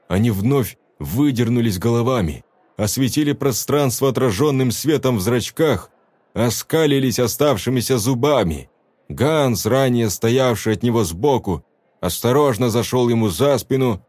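A man reads a dark story aloud, his intonation rising and falling widely. The recording is close and dry with no room sound. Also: mid-range voice, dry recording. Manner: expressive storytelling. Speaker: narrator. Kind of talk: audiobook narration.

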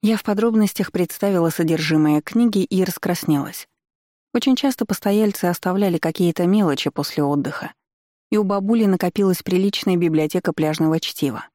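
A woman narrating a first-person story in a lively, emotional way, recorded close. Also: on the low side, brisk, dry recording. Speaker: audiobook narrator.

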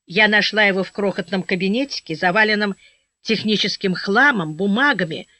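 A woman narrating a first-person audiobook story in a steady storytelling manner, voicing the dialogue. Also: medium pitch, a little fast, dry recording. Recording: dry, slightly dull audio.

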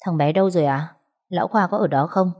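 A woman voicing a scheming young woman who urges and bosses others in a hurried, coaxing way. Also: fairly low pitch, darkish tone, natural voice. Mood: urging. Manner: urgent, coaxing, bossy.

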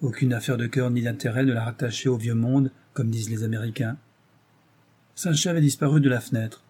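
Dark husky male audiobook narrator. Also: medium pitch. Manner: measured, even storytelling. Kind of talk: scripted narration of a novel.

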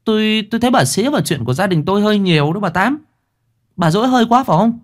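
A man's voice: sits high, sing-song, brisk, a bit bright, voice pushed up, exaggerated voice. A man voicing a cruel young mother in a told ghost story, screeching abusive insults. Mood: scornful. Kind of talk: storytelling with character voices.

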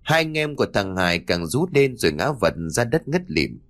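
A man reading a ghost story aloud in a dramatic, expressive manner. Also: medium pitch, normal speed. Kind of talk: scripted ghost story narration.

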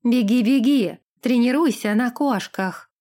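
A woman's voice: on the high side, normal speed, natural voice. A woman voicing a spoiled, imperious young princess who snaps and gives orders in an audiobook. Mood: furious. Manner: haughty, sharp-tongued, commanding. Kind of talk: audiobook character voice.

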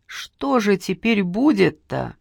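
A narrator voicing a tender, pious old nanny who soothes slowly with folksy endearments. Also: medium pitch, very animated, vocal fry, no echo, clean studio sound, voice pushed up, exaggerated voice. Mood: grieving. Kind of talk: audiobook character reading.

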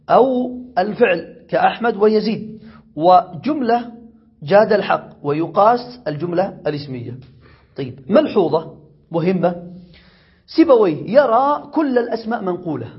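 A man from Yemen teaching a grammar lesson, who repeats examples and asks his students whether it is clear. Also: sits high, lo-fi sound.

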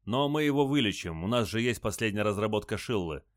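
A man's voice: fairly low pitch, expressive, a little fast, no echo, clean studio sound, close to an everyday voice. A man voicing a stern, commanding starship captain in an audiobook. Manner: firm, commanding.

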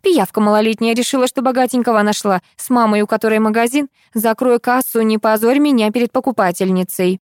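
A woman doing a shrill nagging middle-aged mother. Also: fairly quick, few pauses, a little mellow, no room sound, studio quality, lightly acted. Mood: scolding. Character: loud scolding middle-aged mother, shop owner.

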